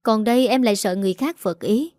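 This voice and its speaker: A woman's voice: a little high, fast talker, darkish tone, dry recording, clean studio sound, natural voice. A woman voicing a firm, protective young man who talks persuasively. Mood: firm urging.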